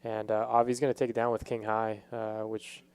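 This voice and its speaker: Mellow, smooth-voiced male poker commentator. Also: lowish voice, little pitch movement, fairly quick, dry recording. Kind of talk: casual live poker commentary.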